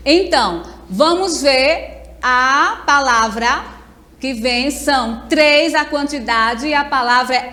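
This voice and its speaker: A Brazilian woman teacher giving a remote lesson, explaining words slowly and patiently, sounding them out syllable by syllable. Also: high-pitched, sharp tone, in a large hall. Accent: Brazilian Portuguese.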